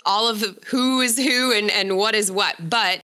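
A woman with a bright, clear voice tells a story in a relaxed podcast chat. She keeps it loose and friendly, breaking off to laugh and fix her own words. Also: medium pitch, a little slow. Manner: chatty, self-correcting, laughs often. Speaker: co-host presenting a story.

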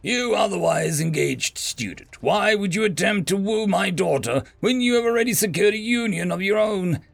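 A man's voice: high-pitched, animated, normal speed, gravelly, soft background music, voice pushed up, heavily acted. A man playing an imperious tentacled alien overlord. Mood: stern. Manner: hissing, snarling, formal and imperious. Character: monstrous tentacled alien overlord father, haughty and menacing.

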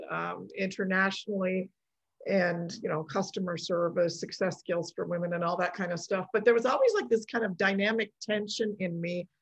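Over a video call, a podcast host from Poland, a woman in middle age, keeps things loose and talkative, breaking into laughter a lot and starting sentences over. She has a medium pitch and a fairly bright tone.

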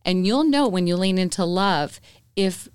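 A woman's voice: on the low side, lively intonation, unhurried, a little mellow, smooth, no echo. A middle-aged woman, an author guesting on a podcast, earnestly telling stories and acting out what people said. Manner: earnest, storytelling, acts out quotes. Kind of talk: podcast interview.

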